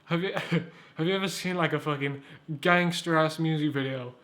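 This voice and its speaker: This YouTube host is a young man whose voice runs high and fairly bright, moving at a normal speed. He rambles sarcastically through a comedic review, restarting with stammers and swearing casually as he goes.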